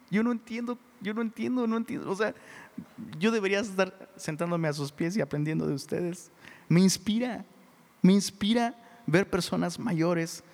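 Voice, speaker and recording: A middle-aged Mexican man preaching a sermon in a casual, animated way, often calling listeners "bro.". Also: high-pitched. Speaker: pastor. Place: church hall. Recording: long hall reverb.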